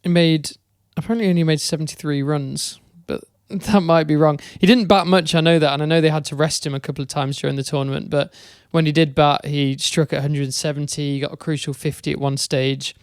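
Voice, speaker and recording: Young guy on a cricket podcast, kinda high, smooth voice, dry close mic. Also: steady tone, brisk, hardly any pauses, no echo. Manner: thoughtful, hesitant with fillers. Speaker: podcast co-host. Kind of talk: casual cricket chat.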